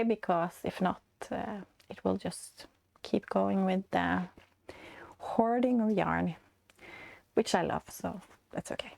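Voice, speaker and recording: A Norwegian woman in her forties with a stuffy, congested voice, chatting casually as a knitting vlog host, hesitant with many fillers and soft laughs. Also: mid-range voice, gravelly, dry recording. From Norway. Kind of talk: casual chat.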